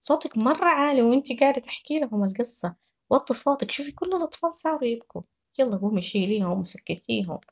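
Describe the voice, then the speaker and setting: Woman doing a stern nursery manager, bossy, high voice, muffled lo-fi sound. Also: expressive, quick pace. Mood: scolding. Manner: scolding, giving orders.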